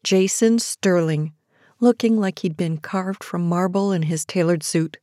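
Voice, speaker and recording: A woman narrating a first-person romance story in a slow, sultry, breathy way. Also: on the low side, warm tone, no room sound, studio quality.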